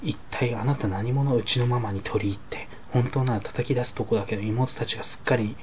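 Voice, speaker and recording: A man's voice: medium pitch, steady tone, brisk, a little hiss or hum, natural voice. A man voicing a haughty, strong-willed teenage girl with a condescending manner. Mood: haughty disdain.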